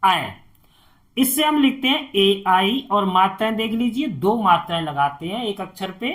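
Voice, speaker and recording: A woman's voice: medium pitch, animated, normal speed, fairly bright tone. A woman teacher giving an online spelling lesson. She spells letters out syllable by syllable and answers her own questions. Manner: asks questions and answers them herself.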